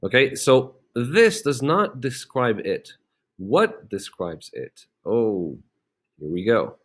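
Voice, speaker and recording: A man's voice: mid-range voice, big pitch swings, slow, a bit bright, slightly rough. Man teaching a grammar lesson. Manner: explains step by step, often checking with "okay?"; plenty of fillers and restarts.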